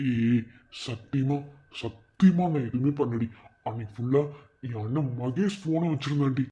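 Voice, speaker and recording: A man's voice: mid-range voice, moderate pace, heavy background noise, lightly acted. A man with a Madurai Tamil accent voicing a lovesick young man who pleads and apologizes to his girlfriend. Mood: pleading. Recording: muffled lo-fi recording.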